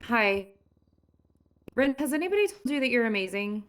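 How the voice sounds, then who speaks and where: A woman's voice: on the high side, big pitch swings, moderate pace, a bit bright. A woman playing a hesitant, apologetic witness. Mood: excited. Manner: hesitant, apologetic, says she sounds sarcastic. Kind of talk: roleplay in a live-streamed game.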